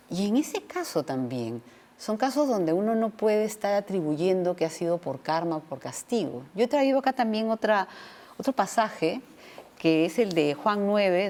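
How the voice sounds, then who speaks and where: A woman with a notably low voice hosts a conversation about faith and healing. She speaks in a measured, reflective way and reads scripture passages aloud. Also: a little mellow. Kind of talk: conversational religious talk show.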